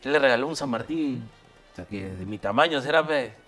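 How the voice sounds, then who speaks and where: Peruvian man telling stories, bright voice. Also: mid-range voice, fairly quick, faint music behind. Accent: Peruvian Spanish. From Peru. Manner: animated storyteller who acts out voices and laughs. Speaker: former footballer guest. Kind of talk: casual storytelling chat.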